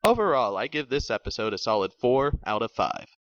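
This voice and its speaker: A man's voice: mid-range voice, sing-song, brisk, no room sound. A man co-hosting a casual review discussion, explaining his views earnestly. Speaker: podcast co-host. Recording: dull dry lo-fi mic.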